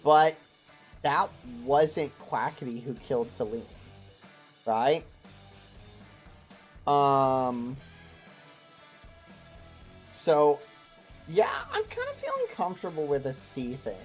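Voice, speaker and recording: Slow-paced, excitable streamer chatting over music. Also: mid-range voice. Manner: excitable, gushing greetings to guests. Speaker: livestreamer. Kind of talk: casual livestream chat with viewers.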